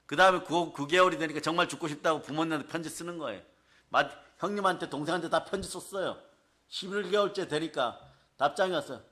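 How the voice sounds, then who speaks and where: Animated bright-voiced preacher, man. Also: fairly high pitch, fast talker. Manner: animated storytelling preaching, acting out scenes. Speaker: pastor. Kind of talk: revival sermon. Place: church sanctuary.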